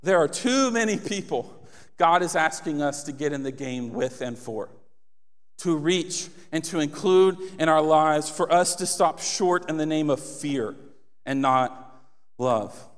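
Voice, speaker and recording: A fairly high-pitched man in his thirties, speaking a little slowly, preaches passionately on a church stage with a handheld mic, rising to emphatic appeals. The recording has long hall reverb.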